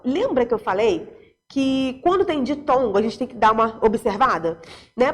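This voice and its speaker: Lively, high-voiced Brazilian teacher woman. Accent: Brazilian Portuguese. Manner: lively and explanatory, asks rhetorical questions. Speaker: school Portuguese teacher. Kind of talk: recorded video lesson.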